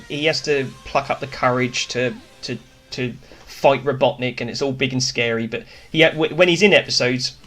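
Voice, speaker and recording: A man's voice: medium pitch, fairly bright tone. A man hosting a casual cartoon review, talking through his opinions in a chatty, enthusiastic way. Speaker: host.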